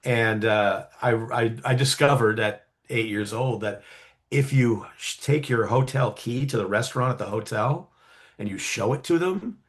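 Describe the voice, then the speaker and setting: A man telling a story casually in an interview, animated, with many fillers and quick acted-out quotes. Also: medium pitch. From California, USA. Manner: animated, acts out quoted voices, frequent fillers. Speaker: guest storyteller.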